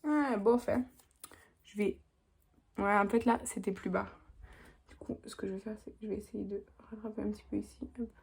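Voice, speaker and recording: A woman's voice: medium pitch, fairly even intonation, normal speed, vocal fry, long pauses, darkish tone, husky. A young woman, chatting casually through a makeup tutorial as she works. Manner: chatty, talks while working, lots of little "hop"s. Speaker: beauty vlogger.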